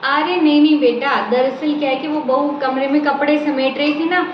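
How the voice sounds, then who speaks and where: A woman playing a gentle, fair-minded older mother who talks softly and reasons calmly, in a home-made family drama skit recorded in a roomy room. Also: high-pitched, normal speed, a little hiss or hum, close to an everyday voice. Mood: soothing. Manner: soft, patient, calmly reasoning. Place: indoors at home. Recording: roomy, dull lo-fi sound.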